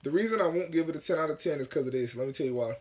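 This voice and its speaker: A man from Africa talks through his opinion of a film in a loose, rambling vlog style. He circles back and repeats points, leaning on "like" as filler. His voice sits a touch higher than most men's. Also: racing, darkish tone. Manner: rambling, repeats himself, lots of "like". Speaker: vlogger reviewing a movie. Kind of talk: casual movie review vlog.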